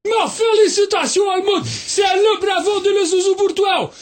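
A shrieking party guy. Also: unhurried. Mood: ecstatic. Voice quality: high, shouting, mangled grammar. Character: flamboyant excitable Brazilian man, loud. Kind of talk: radio comedy sketch.

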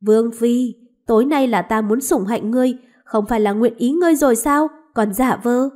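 A woman's voice: a little high, normal speed, dark tone, natural voice. A woman voicing a cruel, arrogant young prince who speaks in a harsh, commanding way. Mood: mocking.

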